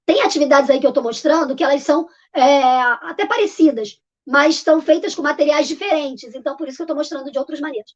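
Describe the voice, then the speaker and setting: A woman's voice: high voice, fast talker. A woman with a Brazilian Portuguese accent, a literacy teacher explaining classroom games in a live online talk, informal with many fillers and restarts. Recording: dull lo-fi audio.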